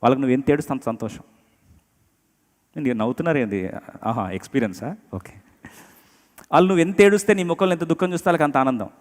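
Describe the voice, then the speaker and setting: A man's voice: medium pitch, fast talker, long pauses. A man preaching a sermon to a congregation, emphatic, slipping English phrases into his talk and putting questions to his listeners with humorous asides. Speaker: pastor. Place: church hall before a congregation. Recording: long hall reverb.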